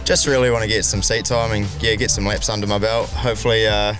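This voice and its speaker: A man's voice: fairly low pitch, little pitch movement, quick pace, a bit bright. A man with a broad New Zealand accent, a speedway driver chatting casually in a trackside interview. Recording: outdoor trackside, music and vehicles behind.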